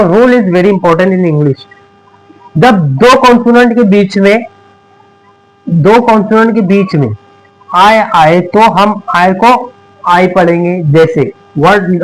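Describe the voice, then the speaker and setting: A man teaching an English reading lesson at a board, repeating questions and answering them himself, slowing down to spell out letters. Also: sits high, rough recording. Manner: repetitive call-and-response questioning; emphatic, slows down to spell out letters.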